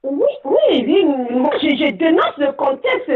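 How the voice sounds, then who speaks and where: A woman from the Republic of the Congo calling in to a radio show, speaking with indignation, often pausing on fillers and rising to near-shouting. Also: high voice, sing-song, reverberant. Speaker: caller. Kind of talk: impassioned call-in commentary. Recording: tinny distant phone line.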